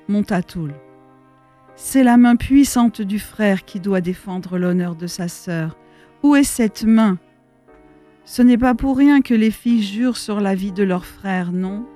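A woman's voice: medium pitch, dark tone, lightly acted. A woman voicing a priest's desperate young daughter who is crying and pleading in an anguished, raised voice in a storybook reading.

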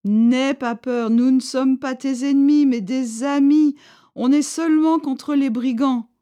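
A woman's voice: high-pitched, steady tone, a little slow, dark tone, smooth, pitched above the performer's own voice. A woman voicing an armed rebel leader, a man who is stern yet friendly and speaks firmly in a raised voice. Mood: reassuring. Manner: firm, commanding, raised voice.

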